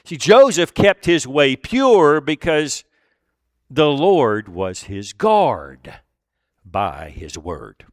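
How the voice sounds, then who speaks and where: A man preaching a sermon, earnest and deliberate, with pauses and emphatic repeats. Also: mid-range voice, big pitch swings, dry recording, studio quality. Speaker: pastor.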